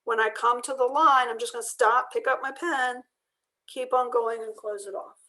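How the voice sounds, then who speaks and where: A woman leading an online drawing class, explaining each step in a relaxed, chatty way while losing her voice. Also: on the high side, moderate pace. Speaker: art workshop instructor. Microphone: video call.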